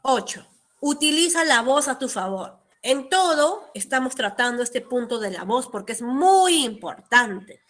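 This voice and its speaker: High-pitched young woman teacher, patient lecturing delivery, frequent check-ins with students. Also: animated, unhurried, fairly bright tone. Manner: explanatory, checks in with tag questions. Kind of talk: online class lecture.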